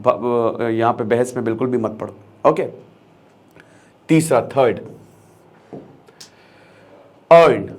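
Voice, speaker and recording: A man's voice: mid-range voice, darkish tone. A young man giving an emphatic motivational lecture as an online educator, switching between Hindi and English and repeating key phrases for stress.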